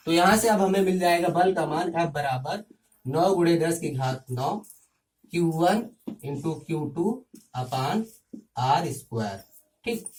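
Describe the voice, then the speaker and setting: A man teaching a physics lesson step by step, often pausing to check in with his students. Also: fairly high pitch, lively intonation, a little mellow, far from the mic. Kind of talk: classroom lecture.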